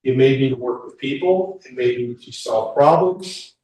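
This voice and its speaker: A man's voice: mid-range voice, normal speed, darkish tone. Man, 60s, workshop presenter, conversational, distant echoey room sound. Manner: candid, conversational, asks the group questions. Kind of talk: informal group talk. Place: meeting room with a group. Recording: echoey room, mic far off.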